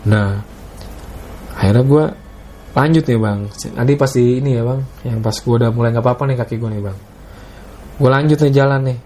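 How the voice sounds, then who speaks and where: A man's voice: mid-range voice, fairly quick, long pauses, warm tone, a little hiss or hum. A man casually telling a story to a host, retelling the dialogue and often calling the listener "Bang.". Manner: Jakarta slang.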